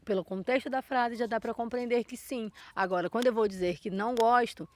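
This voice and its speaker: A woman's voice: fairly high pitch, a little fast, darkish tone, a little hiss or hum. A woman teaching a school grammar lesson in a Brazilian accent, explaining patiently and checking in with the pupils often. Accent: Brazilian Portuguese. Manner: explanatory, frequent "tá?" check-ins.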